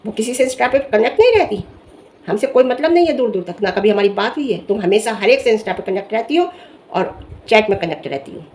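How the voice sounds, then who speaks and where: Animated scolding woman vlogger. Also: on the high side, quick pace. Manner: scolding, emphatic, animated rant. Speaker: vlogger reviewing social media drama. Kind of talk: direct-to-camera commentary.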